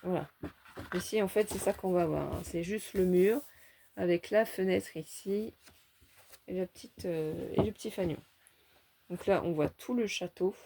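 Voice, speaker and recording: A woman's voice: lowish voice, a little slow, vocal fry, pauses often, dark tone, a little hiss or hum. A woman chatting through a scrapbooking haul, cheerful and enthusiastic as she shows each page. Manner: chatty, enthusiastic, fond of little words like "petite" and "hein". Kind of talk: casual show-and-tell haul.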